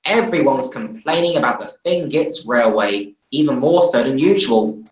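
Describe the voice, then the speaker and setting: A woman reading a story aloud on a livestream, lively and unhurried. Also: a bass voice, echoey room, dull audio.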